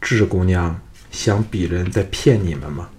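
A man as a calm, shrewd young hero. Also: low voice, measured pace. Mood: earnest.

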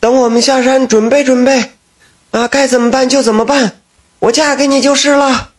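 A man voicing a brave, devoted young daughter who calls out in a high, pleading voice. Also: expressive, measured pace, breathy edge, heavily acted.

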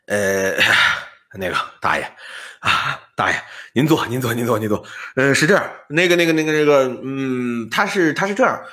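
A man's voice: mid-range voice, lively intonation, moderate pace, sharp tone, voice pushed down. A man voicing a timid, easily frightened scholar who stammers and repeats fillers. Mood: flustered.

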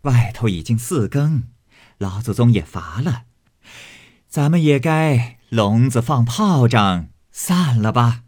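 A man reading as a quick-tongued teasing noblewoman. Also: mid-range voice, animated, darkish tone, no echo, studio quality. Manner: playful, mock-solemn storytelling. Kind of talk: audiobook reading of a classic novel.

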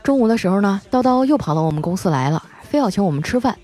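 A female host telling comic everyday stories in a chatty, lively way. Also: mid-range voice. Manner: lively, chatty, drawn-out particles. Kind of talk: comic storytelling. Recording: faint music bed.

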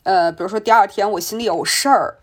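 A woman with a mid-range voice co-hosts a relaxed podcast. She talks through her own experiences in a chatty, easygoing way and often chimes in with agreement. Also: mid-range voice, quick pace. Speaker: podcast co-host. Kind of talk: casual chat.

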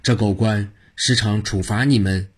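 Male storyteller as teasing mad monk, low and husky, plays the fool. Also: steady tone, normal speed. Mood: urging. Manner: teasing, cheeky, playing the fool. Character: eccentric mocking mad old monk.

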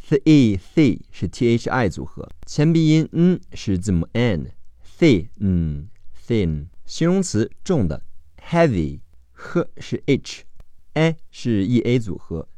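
A man leads an English phonics vocabulary lesson in a rather low voice with lively, swinging pitch. He spells out letter groups, then drawls each word twice as a model. His speech is unhurried and the sound is close and dry. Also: dry recording. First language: Chinese. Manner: slow, drawn-out model pronunciations of each word. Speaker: English teacher.

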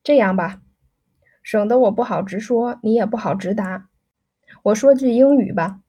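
A woman's voice: a little high, normal speed, dark tone, slightly rough. A woman voicing an insistent young rich man who keeps pressing a girl for an answer, pleading and pushy.

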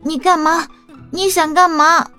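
A woman voicing a drowsy, tipsy young man who speaks slowly and slurs his words, in a storybook reading. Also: very high voice, fairly even intonation, pushed and bright, soft background music, pitched above the performer's own voice, full character voice. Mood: confused. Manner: slow, slurred and mumbling. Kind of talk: audiobook character voice.

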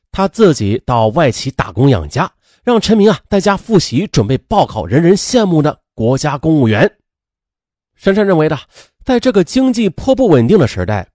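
Male narrator for true crime audio: highly animated pitch, dramatic storytelling with casual asides, dry studio-close sound. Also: dry recording. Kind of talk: lively spoken storytelling narration with conversational asides.

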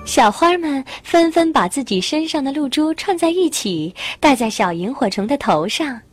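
A woman's voice: sits high, expressive, normal speed. A woman narrating a children's story in a simple sing-song way, as if reading to a toddler. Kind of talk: scripted storytelling for young children. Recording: music behind the voice. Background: background music.

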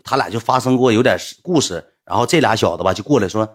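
A man's voice: fairly low pitch, expressive, fast talker, breathy edge. A man, telling a story in a chatty, colloquial way. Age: 20s. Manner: chatty, colloquial, recounts with acted-out quotes. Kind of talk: casual spoken storytelling.

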